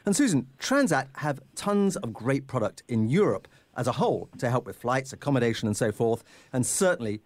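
A man's voice: mid-range voice, sing-song, a little fast, few pauses, dry recording. A man hosting a radio travel show in an upbeat, scripted presenting manner.

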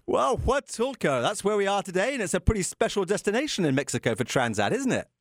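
A man hosting a radio travel show with an animated, polished promotional delivery, scripted and descriptive. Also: sits high, quick pace, no echo, studio quality. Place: radio studio. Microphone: close studio microphone.

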